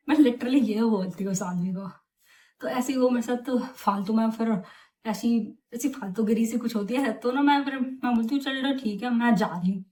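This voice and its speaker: Young woman telling a storytime vlog. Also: a little high. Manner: animated, chatty retelling with English words mixed in. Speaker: vlogger.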